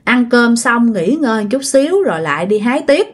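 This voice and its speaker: A woman's voice: fairly high pitch, big pitch swings, moderate pace. A woman, a channel host telling ghost stories in a chatty, casual way, addressing her listeners directly. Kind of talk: casual spoken storytelling.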